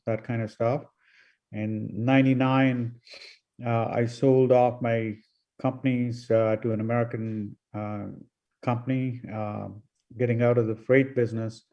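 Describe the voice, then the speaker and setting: An older man, a company chief executive, calmly recounting his career on a panel over a video call. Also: mid-range voice. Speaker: CEO and panelist. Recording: dull lo-fi audio.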